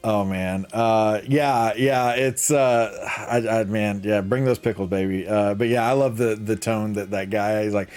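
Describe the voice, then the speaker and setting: A man's voice: on the low side, fairly even intonation, a little slow, few pauses, a little mellow, clean tone, soft background music. A young man hosting a casual podcast, rambling with lots of fillers, laughing often and reading out chat comments. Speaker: podcast host.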